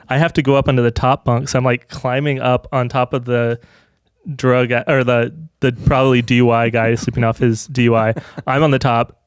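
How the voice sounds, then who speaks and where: A man's voice: medium pitch, smooth, dry recording. A man in his thirties, a podcast co-host, telling a story in casual chat, swearing often and laughing as he goes. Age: 30s.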